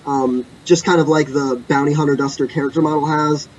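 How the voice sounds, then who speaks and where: A man's voice: fairly high pitch, steady tone, a little fast, a little mellow. Rambling young man on a muffled podcast mic. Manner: rambling, self-correcting storyteller. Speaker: podcast co-host. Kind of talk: casual podcast chat. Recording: muffled lo-fi mic with faint background noise.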